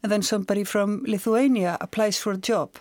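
A woman's voice: medium pitch, fairly even intonation, brisk, darkish tone, no room sound, clean studio sound. A woman, an author and journalist, speaking thoughtfully in an interview and often repeating words as she searches for them. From Iceland. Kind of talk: conversational interview.

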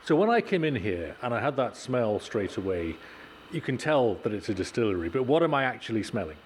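A man hosting a radio show, interviewing a guest on location in a measured, friendly way. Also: medium pitch, sing-song, slight background noise. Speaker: radio host.

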